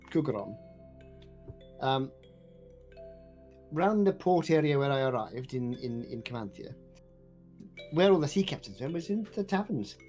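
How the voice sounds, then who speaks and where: Mellow-voiced, halting tabletop player. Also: mid-range voice. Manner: hesitant, restarts phrases. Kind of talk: casual tabletop game chat.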